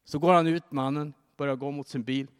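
A man preaching a sermon, telling a story and urging his listeners to pray, rising to emphatic, higher-pitched exhortations. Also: fairly even intonation, clean tone. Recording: long reverb of a large hall.

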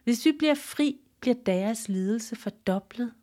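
A woman voicing a calm, noble male deer king who speaks solemnly and steadily. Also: on the high side, natural voice.

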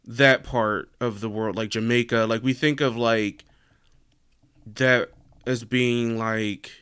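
Man, young adult, from the US, casual podcast talk, rambling, mid-pitched, smooth tone. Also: steady tone, takes it slowly, a bit bright, no echo, studio quality. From United States. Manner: rambling, heavy use of "like" fillers. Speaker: podcast host. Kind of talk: casual solo podcast chat.

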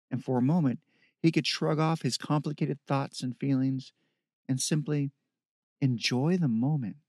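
Man, audiobook narrator, steady measured reading, mid pitch, dry recording. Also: no room sound.

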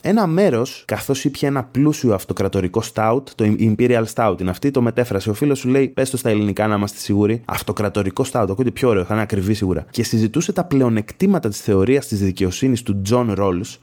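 A man's voice: fairly low pitch, expressive, hardly any pauses, mellow. A man hosting a comic podcast, reading a story aloud and breaking off for mocking, crude asides to his listeners. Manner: casual and crude, swears freely. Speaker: podcast host.

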